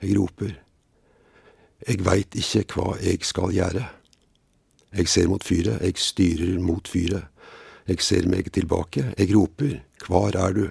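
A man voicing a desperate lone sailor at sea, calling out in a very gravelly, raspy low voice. The delivery is slow and chant-like, with the same short phrases coming back again and again. It is recorded dry and close in a studio. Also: fairly even intonation, a little mellow, dry recording, full character voice. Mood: anxious, searching. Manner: slow, repetitive, incantatory delivery. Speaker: actor reading a play excerpt. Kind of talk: dramatic reading.

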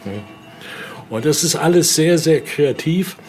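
A slightly high, somewhat dark male voice moves a little slowly over soft background music. The speaker, a museum guide with expertise in voodoo, gives an informal tour in an indoor exhibition room, explaining as he goes and regularly adding tag questions; faint ambient noise is audible.

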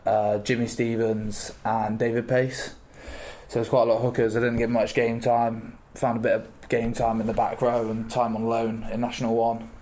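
A young man in his twenties, a rugby player answering interview questions in a halting way with many pauses and fillers. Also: medium pitch, completely flat delivery, a little mellow. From England. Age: 20s.

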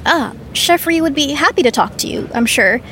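An actress playing a polite, attentive inn hostess giving a room tour. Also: female voice, high voice, lively intonation, moderate pace, fairly bright tone, slight background noise. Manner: courteous, descriptive tour-guide tone.

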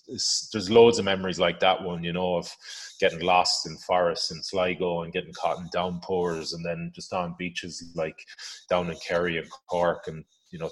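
A man with a west of Ireland accent telling personal stories in a reflective, halting, informal interview manner. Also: sits low, a bit bright. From Galway, west of Ireland. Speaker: adventurer guest. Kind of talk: conversational interview storytelling.

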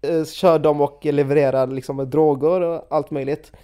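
Young woman, conversational storyteller, animated, quotes others, filler-heavy delivery. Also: low-pitched. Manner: animated retelling with quoted voices and frequent fillers. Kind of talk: casual chat, storytelling.

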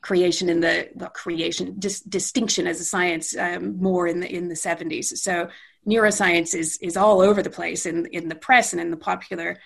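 In unscripted interview talk, a middle-aged Western Canadian guest speaks at a moderate pace with fairly even intonation. Her lowish voice sounds gravelly and husky. She reflects as she goes, wandering and often correcting herself.

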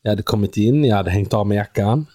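A man's voice: fairly low pitch, very noisy. A man co-hosting a casual podcast chat, acting out a scene he imagines and laughing as he goes. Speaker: podcast co-host.

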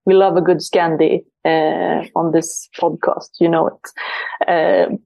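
A woman hosts a casual podcast interview. Her voice sits a little low and sounds warm and relaxed. She talks in an animated way and often repeats words while she finds the next one. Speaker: podcast host.

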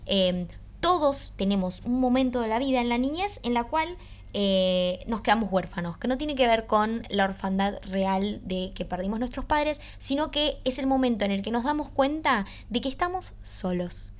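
A young Rioplatense woman co-hosts a casual podcast, musing aloud in a rambling, reflective way. Her talk is full of fillers and her voice sits a little high. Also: expressive, moderate pace. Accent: Rioplatense Spanish. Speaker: podcast co-host. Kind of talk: casual chat.

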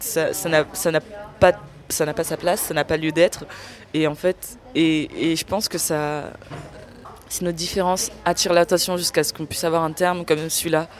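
A young woman in an interview, speaking candidly and earnestly about her own experience, often pausing to search for words. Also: low voice. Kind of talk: candid personal testimony.

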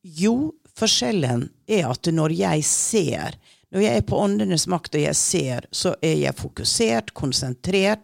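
A middle-aged woman telling her own experiences as a guest in an interview, calm and unhurried, a little halting. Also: lowish voice, gravelly, dry recording, studio quality. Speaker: guest channeler. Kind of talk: reflective personal storytelling in interview.

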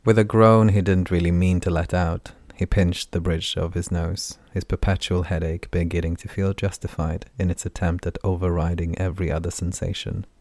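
A man narrates a fantasy novel audiobook in a low, steady voice. His delivery stays flat and measured rather than theatrical. The recording is dry and close-miked. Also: no echo. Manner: even, measured reading.

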